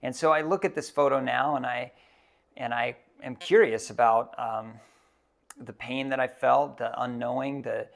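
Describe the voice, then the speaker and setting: A man in his thirties giving a reflective personal storytelling talk as a keynote speaker, halting often with fillers. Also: medium pitch, gravelly.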